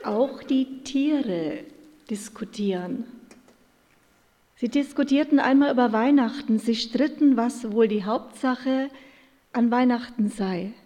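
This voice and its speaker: Slow, expressive woman reading aloud. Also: fairly high pitch. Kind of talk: storytelling reading. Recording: echoey hall.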